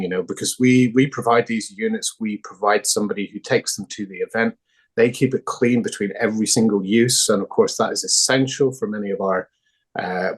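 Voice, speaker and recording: A man with a Northern Irish accent, a founding director, answers interview questions thoughtfully, hesitating with many fillers and restarts. His voice is lowish and husky.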